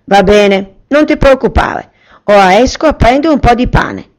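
A woman voicing an eager, excitable young boy in a children's fairy tale, with a high, excited voice. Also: a little slow. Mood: urgent. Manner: high, excited, loud calls.

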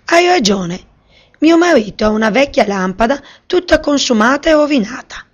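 A woman voicing a sweet, naive young princess in a bright, raised voice. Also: high-pitched, lively intonation, moderate pace, voice pushed up. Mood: pleased. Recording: slightly muffled recording.

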